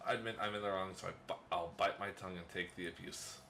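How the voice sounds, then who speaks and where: A man's voice: low-pitched, fairly even intonation, fast, bright, forceful tone, a little hiss or hum. A man hosting a let's play, reading a visual novel's first-person narration aloud with playful asides and chuckles.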